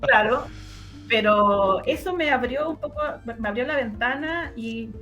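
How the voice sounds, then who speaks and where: Her voice sits on the high side, fairly bright and unhurried, with soft background music and the highs cut off in the audio. The speaker, a radio drama producer with a Chilean Spanish accent, casually recalls memories as an interview guest and repeats words for emphasis.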